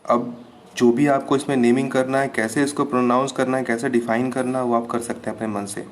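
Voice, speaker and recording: A man teaching an engineering class, explaining each term slowly and checking over and over that students follow. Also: medium pitch, flat delivery. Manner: patient, repeats terms with "ठीक है, clear है" checks. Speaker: engineering lecturer. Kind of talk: classroom lecture.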